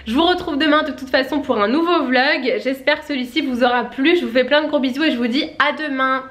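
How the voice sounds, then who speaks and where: Young woman vlogger, quick rambling patter, slightly high voice, filler-heavy casual chat to camera at home. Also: a bit bright. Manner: rambling, breezy, lots of fillers. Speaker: family vlogger. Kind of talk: casual chatty vlog to camera. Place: at home, indoors.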